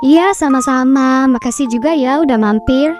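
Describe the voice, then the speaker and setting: A woman voicing a kindly, hospitable aunt in an animated game story, speaking gently. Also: sits high, normal speed, music in the background, close to an everyday voice. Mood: warm. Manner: gentle, welcoming.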